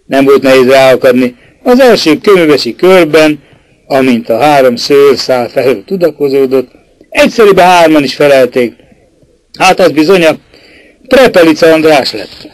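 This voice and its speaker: A man narrating a literary audiobook, shifting his pitch to voice the characters in the dialogue. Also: dry recording, low-quality recording.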